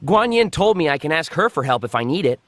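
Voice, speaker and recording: A brash, lively, bright Monkey King. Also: on the high side, quick pace. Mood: frustrated. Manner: boastful, impudent. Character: brash, hot-tempered male Monkey King, boastful and cheeky. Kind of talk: animated children's story dialogue.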